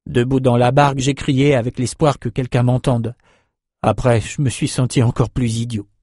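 A man's voice: medium pitch, warm tone, no room sound, clean studio sound, lightly acted. A man reading the part of a young male islander who tells, half mocking himself, how he was lost at sea. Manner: earnest, self-mocking storytelling. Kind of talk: audiobook character reading.

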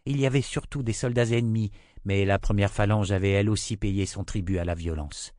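A man narrating an audiobook in a steady, measured reading. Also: on the low side, dry recording, studio quality. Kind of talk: scripted narration.

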